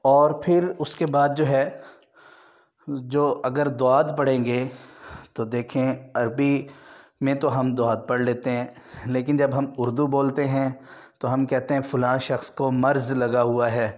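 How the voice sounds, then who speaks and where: A man from Pakistan teaching beginners Quran letter pronunciation in an online lesson. He draws out each letter slowly as a model, then explains at a brisk pace. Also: medium pitch, flat delivery, a little mellow.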